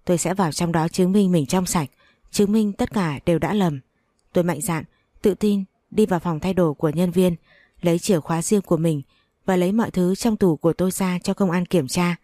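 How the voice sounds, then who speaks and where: Her voice low and mellow, a woman narrates an audiobook told in first person, keeping her delivery calm, even, and brisk. The sound is close and dry, with no echo or room.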